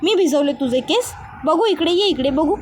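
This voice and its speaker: A teasing young husband, read out by a woman storyteller, who gently scolds and coaxes. The voice stays high and near the reader's own. Faint background noise sits under it. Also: animated, moderate pace. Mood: coaxing. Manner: coaxing, scolding lightly.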